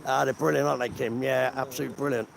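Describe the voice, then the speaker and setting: A man's voice: medium pitch, steady tone, racing, gravelly. A cold, shivering man, giving blunt, sarcastic, sweary commentary to his phone camera outdoors. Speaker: vlogger filming a remembrance gathering. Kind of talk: casual live commentary to camera. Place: outdoors at a gathering. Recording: outdoor crowd noise behind.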